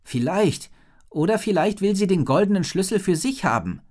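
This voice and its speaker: A man's voice: high-pitched, big pitch swings, normal speed, pitched above the performer's own voice. A man voicing a bold girl dragon rider. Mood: urgent. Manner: commanding, shouted orders.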